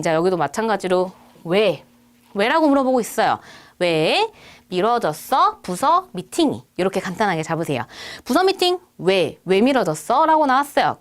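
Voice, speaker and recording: Lively, high-pitched woman teaching a lecture. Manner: explains step by step, acts out sample answers in lively tones. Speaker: English test instructor. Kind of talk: recorded lecture.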